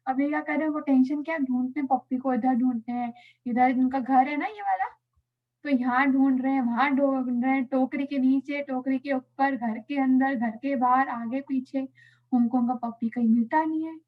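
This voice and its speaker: A woman telling a story to children in an animated, playful way, adding sound effects. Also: sits high, moderate pace. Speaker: Sunday school storyteller. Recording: tinny phone-like audio.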